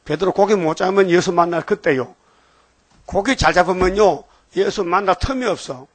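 A man preaching a sermon, telling stories in an animated way and calling out to his listeners for replies. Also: high voice, moderate pace, no room sound. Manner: animated storytelling, calls out for replies.

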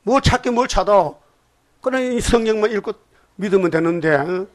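A man's voice: high-pitched, expressive, normal speed. A man preaching a sermon, emphatic and prodding his listeners with repeated questions.

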